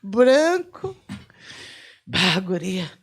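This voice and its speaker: A middle-aged woman with a Brazilian Portuguese accent, a forensic photographer telling lively anecdotes in a podcast chat and acting out the dialogue. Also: mid-range voice, drawn-out words, slightly rough. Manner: lively anecdotes, acts out quoted dialogue, laughs often. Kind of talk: animated storytelling in a podcast chat.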